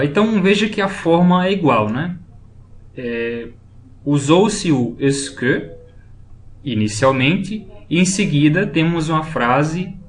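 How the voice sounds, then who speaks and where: A man explaining French grammar in a slow, patient lesson, saying each example phrase twice. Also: fairly high pitch. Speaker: French teacher. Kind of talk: screen-based language lesson.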